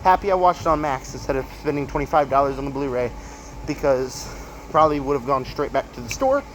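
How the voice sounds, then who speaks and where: A man giving a casual, emphatic movie review as a video host while walking on a treadmill, halting and repeating himself for stress. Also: medium pitch, animated, poor audio. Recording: clear treadmill motor and footstep noise. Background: treadmill noise.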